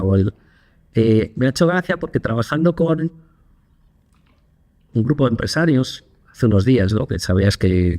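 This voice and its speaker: Animated man telling stories. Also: mid-range voice. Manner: animated storyteller, acts out quotes. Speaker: podcast co-host. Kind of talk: casual conversational podcast.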